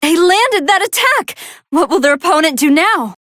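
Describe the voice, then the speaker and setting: As a match commentator, a woman plays a female android scientist who is polite and soft-hearted, calling video game fights in a formal, earnest, expressive way. Her very high voice moves at normal speed, composed and curious, recorded cleanly in a studio with no echo.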